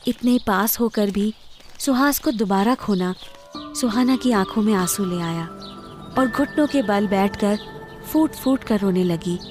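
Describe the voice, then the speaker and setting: A woman telling a moral story in a steady, scripted narration. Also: medium pitch, measured pace. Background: background music.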